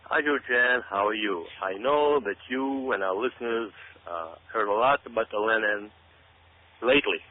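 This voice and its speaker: With a fairly low pitch and a moderate pace, an author and researcher from Israel guests on a talk-radio show. He gives emphatic, explanatory commentary, frequently repeating phrases for stress. The sound is tinny, like a phone call on the radio.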